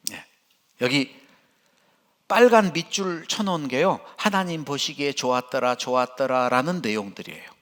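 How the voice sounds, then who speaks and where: An older man, a pastor, preaching a sermon in church with animated, folksy storytelling. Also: fairly high pitch.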